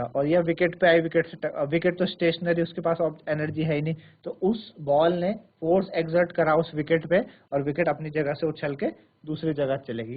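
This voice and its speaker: A male science teacher, lecturing pupils in a studio classroom, asking them questions again and again and dictating definitions slowly, word by word. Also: a little high. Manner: repetitive, quizzing questions to pupils. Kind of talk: classroom lecture in Hindi with English terms. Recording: thin phone-like sound.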